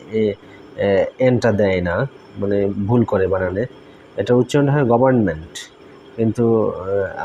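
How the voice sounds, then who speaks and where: A man teaching a spelling lesson, slowly spelling out letters and pausing often with filler sounds. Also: fairly low pitch, mellow, dull audio, a little hiss or hum. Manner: hesitant, many filler sounds.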